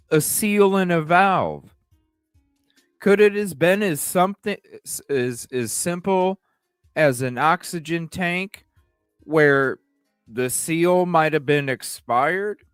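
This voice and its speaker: A livestream host with a fairly high, fairly bright voice that sounds clear and resonant offers casual, speculative commentary, repeating phrases and posing rhetorical questions. The recording is dry with clean studio sound.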